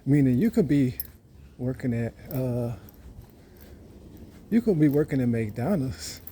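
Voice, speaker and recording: A man's voice: mid-range voice, expressive, takes it slowly, mellow, a little hiss or hum. A man, rambling and boasting in a casual monologue that repeats itself. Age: 30s. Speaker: vlogger.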